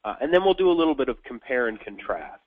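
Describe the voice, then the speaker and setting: A man presenting a business webinar, nasal and congested from a cold, pausing often with filler sounds and restarts. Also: mid-range voice, big pitch swings, no echo. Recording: tinny phone-line webinar audio.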